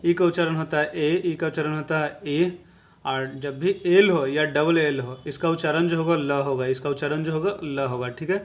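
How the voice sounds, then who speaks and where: A man teaching English reading, spelling out letter sounds and repeating each word patiently. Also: on the high side. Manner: repetitive, patient drilling. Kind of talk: phonics lesson.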